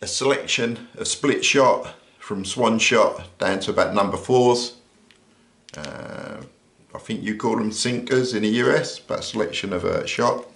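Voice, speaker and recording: Gravelly and lowish, with a roomy sound, an older British man's voice guides a casual show-and-tell of a survival kit, one item at a time, with regular "uh" pauses. He's indoors at a table, off frame, while an overhead camera films his hands.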